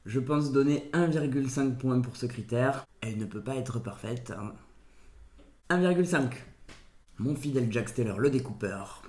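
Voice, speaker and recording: A man's voice: medium pitch, normal speed, darkish tone. A man hosting a casual food-tasting vlog at home, playful and punning, with mock-solemn verdicts. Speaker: food reviewer. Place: home, at the table. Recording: roomy echo.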